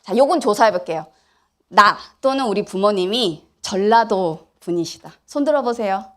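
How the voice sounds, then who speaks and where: A woman giving an animated lecture at church, asking the audience questions and acting out what people say. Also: medium pitch, normal speed. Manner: animated, asks the audience questions, acts out quotes. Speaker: church lay speaker. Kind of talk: lively church lecture to youth. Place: church hall.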